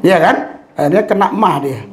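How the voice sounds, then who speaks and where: A male pastor preaching to a congregation, telling personal stories in an animated way, often laughing and calling out hallelujah. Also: high voice, brisk. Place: church service with congregation. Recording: roomy echoing hall.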